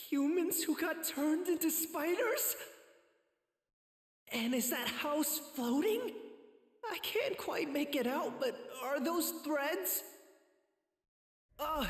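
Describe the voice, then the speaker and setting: A man's voice: reverberant, big-room sound, exaggerated voice. An actor voicing a cowardly, whiny teenage boy demon slayer in a video game cutscene, panicky and self-pitying. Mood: uneasy. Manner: panicky, shrill and self-pitying, shrieks often.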